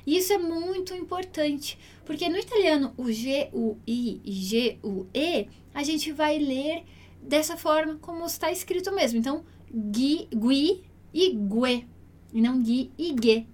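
A woman with a Brazilian Portuguese accent teaching an online Italian lesson, speaking clearly and patiently and repeating words slowly for pronunciation. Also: high-pitched.

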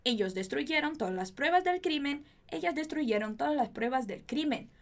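High-voiced Brazilian woman teaching Spanish. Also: moderate pace. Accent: Brazilian Portuguese. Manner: lively, chatty, asks learners questions. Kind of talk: online language lesson.

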